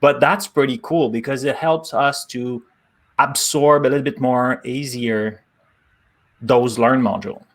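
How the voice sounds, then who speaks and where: A man whose first language is French chats casually and explains things on an online tech stream, speaking with a French accent and making small grammar slips. His voice is medium-pitched, steady, unhurried, and a bit bright.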